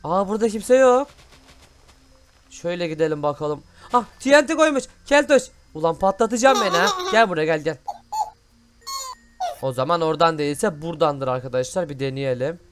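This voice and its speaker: A man hosting excited gameplay commentary, full of loud exclamations. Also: on the high side, a little fast. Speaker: gaming host.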